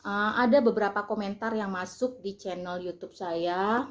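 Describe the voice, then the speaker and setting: An Indonesian woman vlogging in a relaxed, chatty way, explaining things with frequent fillers and pauses. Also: medium pitch. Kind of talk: casual vlog talk. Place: lives in Turkey.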